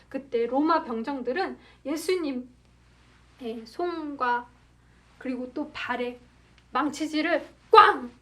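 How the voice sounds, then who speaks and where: High-voiced woman telling a children's sermon. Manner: animated storyteller, acts out crowd shouts; gentle, asks the children questions. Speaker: children's ministry preacher. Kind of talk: storytelling sermon for young children.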